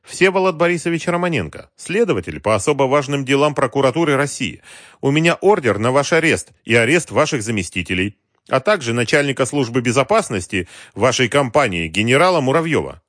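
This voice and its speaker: A man voicing a stern male senior investigator who speaks formally and in measured tones. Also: medium pitch, sing-song, a bit bright, no room sound, clean studio sound, pitched above the performer's own voice.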